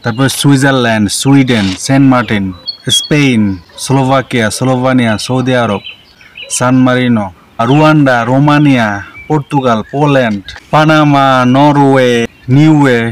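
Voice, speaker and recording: A man's voice: medium pitch, slight background noise. A man giving casual visa information, rambling and self-correcting as he reels off long lists of country names. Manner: hesitant and self-correcting, with many fillers. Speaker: travel and visa info vlogger.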